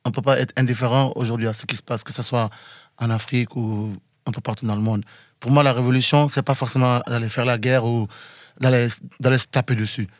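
Man from Senegal, earnest, mid pitch, dry sound. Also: steady tone, brisk, no room sound. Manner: earnest, slips into English. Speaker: musician guest. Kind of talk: casual interview talk.

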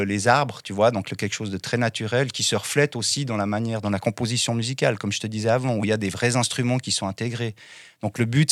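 A man's voice: mid-range voice, no room sound, clean studio sound. A man from Switzerland, a musician guest, talking casually in an interview and rambling through lists with many fillers.

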